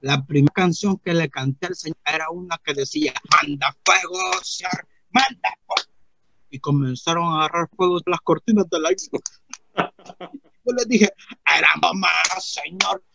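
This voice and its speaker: A man's voice: on the high side, normal speed, gravelly, fairly bright tone, highs cut off, slight background noise. A man playing a naive rustic churchgoing man, telling a rambling comic story full of repeated "mire" and acted-out voices. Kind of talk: comic character monologue.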